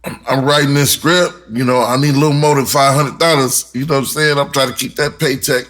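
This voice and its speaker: A man's voice: medium pitch, fairly even intonation, a little fast, fairly bright tone. A middle-aged American man telling a personal story casually and candidly, swearing freely and repeating words for emphasis. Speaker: rapper and writer telling their story.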